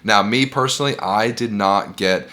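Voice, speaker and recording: Speaking at a normal pace, this bookkeeping business owner and video host has a voice on the low side that sounds pushed and bright. He's sick and congested, yet he looks into the camera to give sincere, upbeat business advice, going back over his main points more than once.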